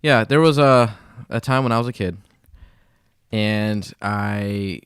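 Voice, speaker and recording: A man's voice: lowish voice, slow, smooth, dry recording, clean studio sound. A man co-hosting a podcast, chatting casually and telling stories bluntly with a joking edge. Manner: animated storyteller, blunt and joking.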